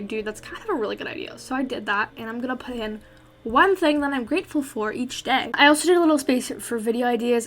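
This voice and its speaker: A teenage girl narrating a casual vlog voice-over, out of breath, with constant "like" fillers. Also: a little high. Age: teens. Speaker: vlogger.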